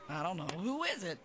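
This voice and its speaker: An actress playing a blunt, wisecracking, drily unimpressed beautician in a family radio drama. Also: female voice, lowish voice, background noise. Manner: dry, sardonic, hesitant muttering.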